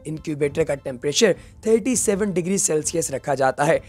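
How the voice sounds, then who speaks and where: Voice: mid-range voice, expressive, fairly quick, darkish tone. Narrator doing a scripted explainer voice-over, calls the listeners friends, faint music under it. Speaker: documentary narrator. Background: faint background music.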